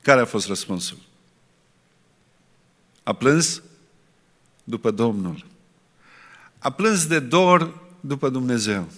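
A man's voice: medium pitch, lively intonation, long pauses, fairly bright tone, long reverb tail. A man preaching a sermon earnestly, asking his listeners rhetorical questions.

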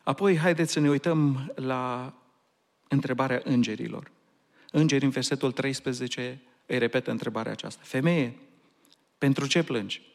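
A man's voice: medium pitch, fairly even intonation, gravelly. A man preaching a sermon, asking earnest rhetorical questions and slipping in English phrases. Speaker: pastor.

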